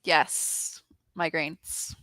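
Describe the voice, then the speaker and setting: Drawing out her words in a pushed, bright voice, a young woman leads a reading session over a video call. She chats casually as the sprint host, laughs a lot, and lets sentences trail away. The sound is dry and studio clean.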